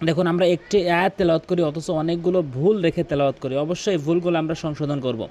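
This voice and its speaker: A man with a high voice gives a recitation lesson. He explains each sound plainly, then chants the phrases slowly and stretches them out at a higher pitch. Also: steady tone, darkish tone. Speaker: Quran recitation teacher. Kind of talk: tutorial on Arabic pronunciation.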